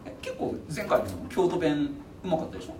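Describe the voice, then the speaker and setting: A man teaching a high school history class in a casual, joking lecture style. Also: a little fast, background noise. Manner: casual, joking, lively delivery.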